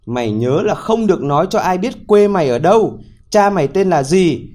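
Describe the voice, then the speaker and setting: An exasperated old father scolding his foolish son in a spoken folk tale, played by a man. The voice jumps high and loud when he rebukes. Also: animated, moderate pace. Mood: weary. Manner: scolding, shouting.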